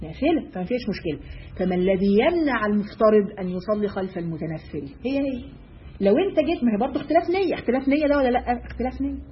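A woman with an Egyptian accent giving a religious lesson to women, briskly asking her listeners rhetorical questions. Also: fairly high pitch, very animated, a little hiss or hum. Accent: Egyptian Arabic. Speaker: religious teacher. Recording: dull lo-fi recording.

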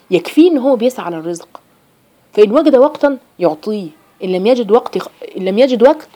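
Egyptian Arabic accent, middle-aged woman, religious talk to women, rapid delivery, fairly high voice, emphatic repetition. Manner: emphatic and animated, repeats phrases for stress. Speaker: Quran teacher addressing women.

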